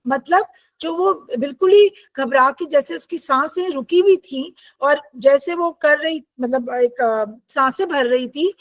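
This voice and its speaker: High-voiced woman teaching English. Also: no echo, rough recording. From India. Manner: reads text lines slowly, then explains with questions to students. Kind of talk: online English lesson explained in Hindi.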